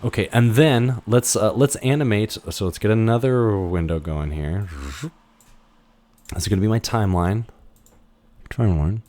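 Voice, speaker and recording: A man instructor giving a casual screen-recorded software tutorial, thinking aloud with many fillers and restarts. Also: on the low side, moderate pace.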